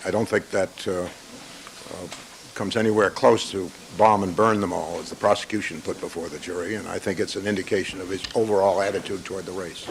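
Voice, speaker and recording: A man serving as defense attorney, arguing formally and deliberately to the bench, heard in a courtroom recording. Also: low voice, fairly even intonation, creaky, a little hiss or hum, poor audio. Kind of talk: courtroom argument.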